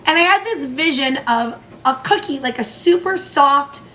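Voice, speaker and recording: Stuffy-nosed, high-voiced chatty woman. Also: lively intonation, moderate pace, a bit bright, slight background noise. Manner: chatty and upbeat, talks through each step. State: nasal, stuffy from allergies. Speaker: home baking vlogger. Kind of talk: casual cooking tutorial chat.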